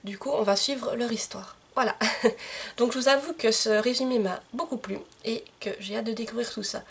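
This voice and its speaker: Husky-voiced woman chatting about books. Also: fairly high pitch. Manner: chatty, frequent fillers and self-corrections. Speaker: book vlogger. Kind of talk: casual book presentation to camera. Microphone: camcorder microphone.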